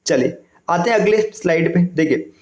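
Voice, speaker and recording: A man with a fairly high voice teaches an exam-prep grammar lesson from slides, walking through each point step by step and often checking in with his listeners. His voice rings around a reverberant room. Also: expressive, normal speed. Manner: explains step by step, keeps adding "है ना" and "देखिए".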